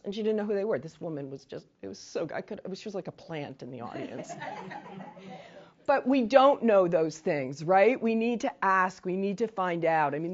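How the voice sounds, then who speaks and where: A woman of medium pitch heads a casual training session in a meeting room, though the audio has its highs cut off. Her delivery is chatty and animated, built on storytelling with asides.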